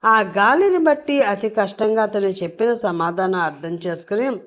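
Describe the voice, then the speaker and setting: A woman narrating a story in a steady, expressive storytelling voice. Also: medium pitch, normal speed.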